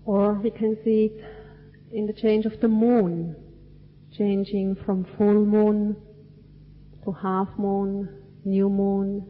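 A woman from Switzerland giving a Buddhist dharma talk in a cinema hall, speaking in slow, measured, deliberate phrases. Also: medium pitch. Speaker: Buddhist teacher. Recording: dull lo-fi recording with long hall reverb.

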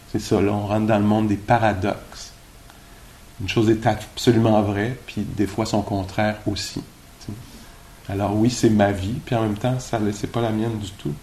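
A man's voice: fairly low pitch, darkish tone, a little hiss or hum. A man with a Québécois accent giving an informal, conversational dharma talk at a meditation retreat, musing aloud with rhetorical questions. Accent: Québécois French. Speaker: meditation teacher.

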